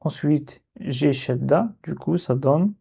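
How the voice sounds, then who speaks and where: A man teaching Arabic letter reading in a slow step-by-step lesson, patiently spelling out syllables and repeating them. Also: on the high side, creaky, mellow, slightly rough, highs cut off.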